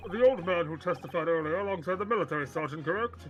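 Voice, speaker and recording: A formal game courtroom judge, voiced by a man, fairly high in pitch and quick in pace. He speaks officially, with faint music behind. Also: animated, muffled recording, close to an everyday voice.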